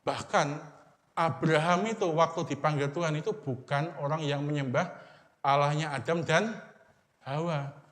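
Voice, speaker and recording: A man with an Indonesian accent, a pastor preaching a sermon in casual everyday speech, trailing off softly at the end of phrases. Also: on the high side, moderate pace, pauses often. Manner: repeats a term of address after most phrases, fading to a murmur. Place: church hall. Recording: long hall reverb.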